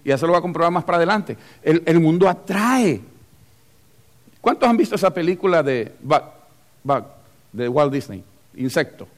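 A man preaching a sermon as pastor. His voice sits high, and he delivers in an animated way, acting out little scenes and calling out questions to the congregation. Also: moderate pace, pauses often. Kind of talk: lively sermon. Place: church.

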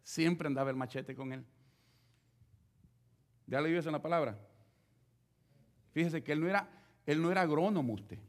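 A man's voice: a little high, moderate pace, pauses often. A man preaching a sermon, speaking straight to his listeners with rhetorical questions. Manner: animated, addresses listeners directly with rhetorical questions.

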